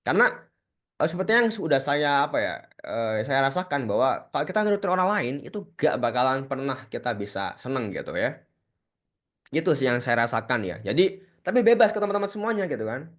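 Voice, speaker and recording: A man's voice: medium pitch, big pitch swings, brisk, a bit bright. A young man giving a casual, slangy and emphatic motivational talk as a webinar speaker over a video call.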